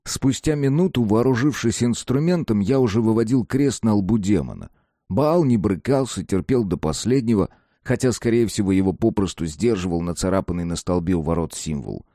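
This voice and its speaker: A man's voice: fairly low pitch, lively intonation, moderate pace, mellow, no room sound, clean studio sound. A man narrating an audiobook dramatically, acting out the dialogue. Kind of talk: scripted narration.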